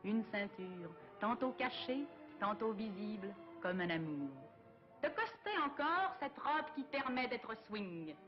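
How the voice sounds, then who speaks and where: A woman narrates a vintage newsreel fashion segment with formal, flowery diction. Her voice sits at a medium pitch on a dull old film soundtrack, with music playing loudly behind her. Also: very animated, slow pace. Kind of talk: 1940s newsreel fashion commentary, scripted. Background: loud music.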